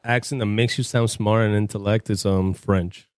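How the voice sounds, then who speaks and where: A man's voice: fairly low pitch, fairly even intonation, normal speed, a little hiss or hum. A man co-hosting a podcast in casual chat, laid-back and laughing easily. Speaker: podcast co-host.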